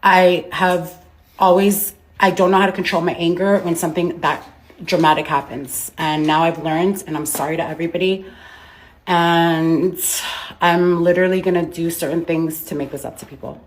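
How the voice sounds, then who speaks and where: Defensive rambling woman, low voice. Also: steady tone, moderate pace, a little hiss or hum. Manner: defensive, rambling, heavy use of "like". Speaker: business owner making a public apology. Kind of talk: apology video monologue.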